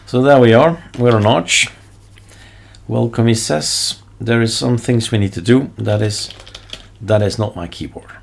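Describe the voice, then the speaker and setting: Man, Belgian accent, non-native speaker, gravelly voice, offhand tutorial talk, choppy phrasing, slight noise with typing. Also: mid-range voice, unhurried. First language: not English. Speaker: tutorial host. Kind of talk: casual screencast tutorial, thinking aloud. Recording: noticeable background noise, keyboard clicks and typing. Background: keyboard typing and mouse clicks.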